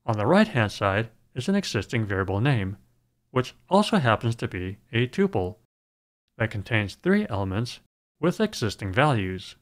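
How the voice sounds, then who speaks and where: A man narrating a scripted programming screencast in a calm, measured way. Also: on the low side.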